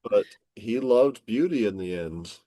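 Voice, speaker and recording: A man's voice: fairly low pitch, expressive, unhurried, warm tone, no echo. A man talking as a guest scholar on an interview podcast, explaining history in a storytelling way.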